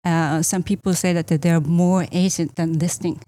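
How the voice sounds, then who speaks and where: Japan-born female realtor, middle-aged, hesitant and filler-heavy, dark tone. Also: on the low side, fairly even intonation, moderate pace, no echo. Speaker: real estate agent. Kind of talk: interview answers.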